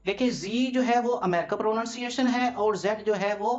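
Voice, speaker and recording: Patient Pakistani math teacher explaining steps. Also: male voice, high voice, steady tone, muffled recording. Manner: patient, explains each step slowly. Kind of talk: step-by-step math lesson.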